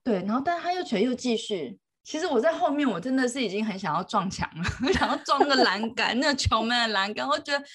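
A woman's voice: on the high side, lively intonation, fast, few pauses, slightly rough. A woman, a mother telling a story in casual chat, laughing often.

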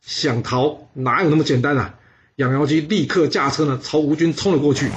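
A man telling a historical story in a lively, animated way, full of exclamations and chatty asides. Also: on the high side, normal speed, dull audio.

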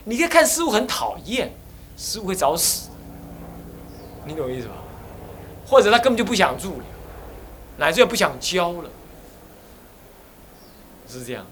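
A man's voice: high voice, big pitch swings, moderate pace, pauses often, fairly bright tone, a little hiss or hum. A man with a Taiwanese accent, an abbot giving a joking dharma lecture who often mimics people and slips into Taiwanese dialect. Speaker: Buddhist abbot.

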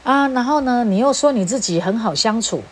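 A woman's voice: on the high side, expressive, a little fast, slightly rough. A woman with a Taiwanese accent giving an informal talk, slipping Hokkien phrases into her Mandarin. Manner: mixes Hokkien phrases into Mandarin, acts out quoted speech. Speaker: speaker on relationships. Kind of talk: informal lecture.

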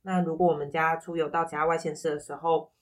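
A woman's voice: low voice, little pitch movement, fast. A woman from Taipei with a Taiwanese Mandarin accent, telling personal stories as an interview guest in a reflective, explanatory way. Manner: reflective, explanatory, quotes others in anecdotes. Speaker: podcast guest. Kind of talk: casual personal storytelling in an interview.

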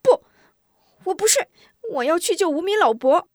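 A woman voicing an eager young boy who pleads urgently in a high, loud voice. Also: big pitch swings, normal speed, dry recording, clean studio sound.

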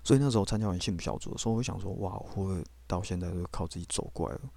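A man tells his own faith story bluntly and candidly, with the odd swear word. His voice sits low and his words come quickly. The recording is dry and close, with no room sound. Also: gravelly, warm tone, no room sound. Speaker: podcast host. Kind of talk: personal faith testimony.

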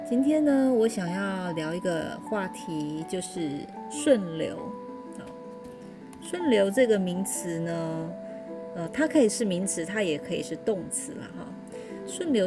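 A woman's voice: medium pitch, warm tone, breathy edge. A woman hosting a casual solo podcast, musing aloud in a chatty way with many hesitant fillers. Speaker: podcast host.

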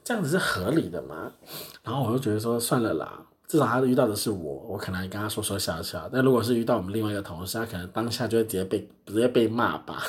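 A man's voice: lowish voice, very fast, hardly any pauses. A young man, hosting a podcast and telling stories in a chatty, self-mocking way. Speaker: podcast host. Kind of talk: casual solo storytelling.

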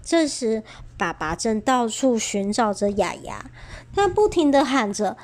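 High-voiced woman reading a bedtime story. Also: unhurried. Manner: gentle, expressive storytelling.

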